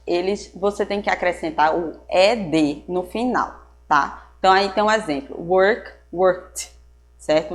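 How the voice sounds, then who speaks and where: A woman teacher with a Brazilian Portuguese accent walks her class through a grammar rule at the board. She explains patiently, one step at a time, and keeps asking short checking questions. She slips English words and examples into her Portuguese. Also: mid-range voice. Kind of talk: recorded classroom lesson.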